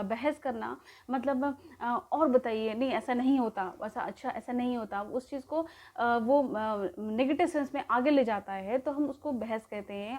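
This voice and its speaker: A woman's voice: on the high side, dark tone. A woman giving a recorded lecture as a teacher, talking hesitantly with many fillers and slipping English terms into her speech.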